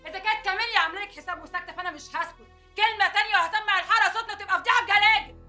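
Blunt young Egyptian sister. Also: female voice, very high-pitched, very fast, bright, forceful tone, soft background music, exaggerated voice. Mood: heated. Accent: Egyptian Arabic. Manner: heated, blunt. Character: quarrelsome younger sister in mourning.

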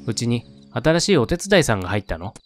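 A man's voice: medium pitch, sing-song, quick pace, no room sound, faint music behind, lightly acted. Man voicing a timid little girl, hesitant. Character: timid young girl from a strict old family.

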